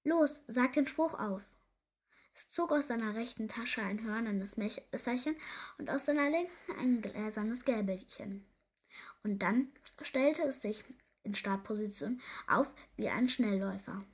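Woman storyteller, fairy tale read aloud, fairly high voice, lively. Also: measured pace. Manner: lively read-aloud narration with small slips.

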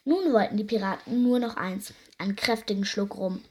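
A woman reading a children's story aloud in a lively, expressive way. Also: mid-range voice, moderate pace, breathy edge.

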